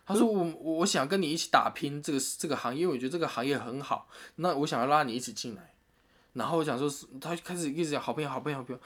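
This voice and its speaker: A man's voice: a little high, rapid-fire. A man, telling a story in a casual chat and acting out what people said. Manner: animated retelling with quoted voices and laughs.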